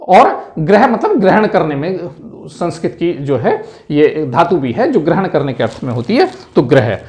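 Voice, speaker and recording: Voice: medium pitch, big pitch swings, moderate pace, a little mellow. A Hindi teacher giving an exam-prep lesson on word pairs, explaining patiently and repeating each word, often checking in with "है ना".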